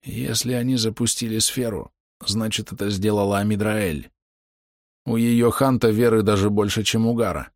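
A man voicing a dying young male archer whose quiet, strained speech is wry and fading. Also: fairly low pitch, steady tone, moderate pace, dry recording, clean studio sound, lightly acted. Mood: weak, wry. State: weak, coughing up blood.

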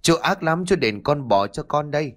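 A man's voice: expressive, normal speed, natural voice. A man voicing a stubborn, grieving young village girl, with a pleading, raised voice. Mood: angry, accusing. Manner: pleading, tearful, raised high voice.

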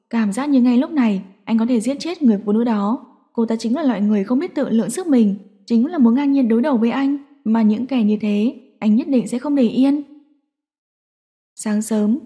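A woman narrates a dramatic audio story in a slightly high voice. Her tone is mellow and warm. She keeps a steady storytelling pace.

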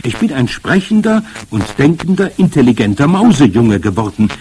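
A man putting on an excited little mouse boy. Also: normal speed, natural voice. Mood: earnest. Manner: eager, breathless, high-pitched exclamations. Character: excited young boy turned into a talking mouse. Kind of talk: audiobook character voice.

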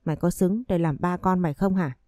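A man's voice: high-pitched, fairly even intonation, brisk, mellow, dry recording, clean studio sound, natural voice. A woman voicing a stern middle-aged father who scolds his son, in a read-aloud story. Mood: stern scolding. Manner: scolding, commanding.

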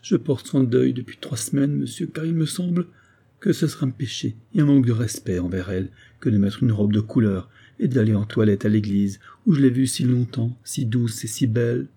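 A man's voice: medium pitch, fairly quick, mellow, husky. A man reading an audiobook voices a tender carpenter's wife who pleads tearfully and speaks deferentially, calling her listener "sir". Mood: distressed. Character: tender, tearful carpenter's wife, middle-aged servant woman.

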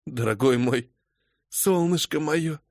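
A man voicing a grief-stricken young widower who bursts out in loud, anguished lines. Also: on the high side, slow, no room sound, clean studio sound, pitched above the performer's own voice. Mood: tender.

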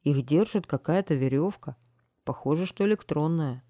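A woman's voice: sits low, normal speed, warm tone, no echo, clean studio sound. A woman voicing a weary, kindly garbage man who apologizes plaintively in a storybook reading.

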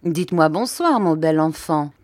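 A smooth-talking gentleman suitor in a storybook reading, slow and coaxing with a falsely friendly warmth, as a woman reads him in her low voice. The sound is dry and close to the mic. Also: animated, dry recording.

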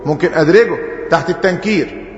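Quick-paced and high in pitch, a man with an Egyptian accent leads an Arabic grammar lesson as a sheikh, putting questions to the class before answering them himself. A little hiss or hum joins the dull, lo-fi sound of an echoey hall.

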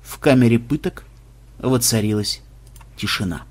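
A man narrating an audiobook with expressive storytelling delivery. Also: medium pitch, normal speed.

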